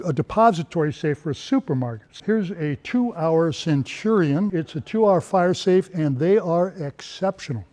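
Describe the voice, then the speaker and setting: A man's voice: fairly high pitch, dark tone. A man giving a casual, enthusiastic sales walk-through of safes in a showroom, chatting as he goes. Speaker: safe dealer.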